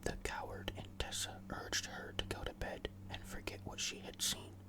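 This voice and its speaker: A storyteller reads a ghost story as ASMR, never rising above a whisper. The delivery is hushed, deliberate and suspenseful, with no voiced tone at all, as scripted narration for close listening. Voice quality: fully unvoiced whisper.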